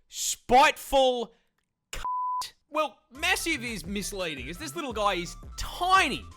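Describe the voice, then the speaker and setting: Animated, high-pitched Australian man narrating. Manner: exaggerated, sweary, incredulous. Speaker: comedic storytelling narrator. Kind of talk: scripted comedic narration.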